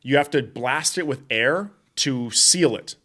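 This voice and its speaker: A man's voice: medium pitch, expressive, unhurried, sharp tone. Swearing young man telling stories. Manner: swears a lot, laughs while telling stories. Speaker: podcast co-host. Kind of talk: casual chat.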